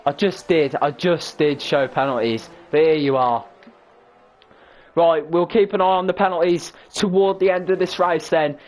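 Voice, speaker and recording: Excitable young race commentator. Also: male voice, fairly high pitch, a little slow, poor audio. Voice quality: voice prone to cracking. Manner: excitable, breathless play-by-play. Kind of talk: live sim-racing commentary.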